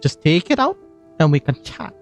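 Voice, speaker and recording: A man's voice: fairly high pitch, big pitch swings, normal speed, faint music behind. A man voicing a breezy young male bard from a game with a put-on Scottish accent, theatrical and sing-song. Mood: reassuring. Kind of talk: fan voicing of game dialogue.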